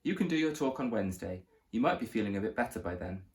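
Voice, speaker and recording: A man voicing a kindly male schoolteacher who speaks gently, in a storybook reading. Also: lowish voice, sing-song, quick pace.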